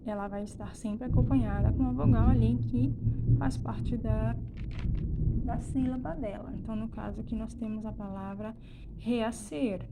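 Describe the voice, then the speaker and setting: A Brazilian woman who teaches Spanish gives a recorded classroom lesson, explaining slowly and step by step while checking for understanding. She keeps restarting with "né?" and "então." Her voice is medium-pitched and creaky, with background noise in the recording.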